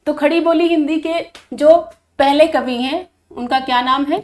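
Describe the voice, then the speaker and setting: A woman teaches an online exam-preparation lesson in a high voice. She poses each question to her students, then repeats the answer several times and stresses the key words. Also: moderate pace, a little mellow.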